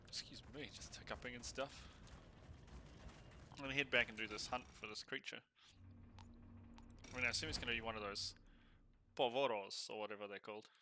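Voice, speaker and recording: A man's voice: medium pitch, bright, forceful tone, slight background noise. A man streaming a video game live, chatting and thinking aloud with goofy exclamations. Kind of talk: live gameplay commentary.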